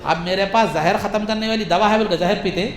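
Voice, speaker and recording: A man preaching a sermon, repeating his phrases and rising into shouts. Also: high voice, echoey room, a little hiss or hum.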